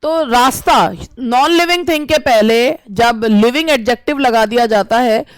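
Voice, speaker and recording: A woman teacher, reading English exam questions slowly and explaining them at length. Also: on the high side, smooth, dry recording. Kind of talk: exam-prep lesson.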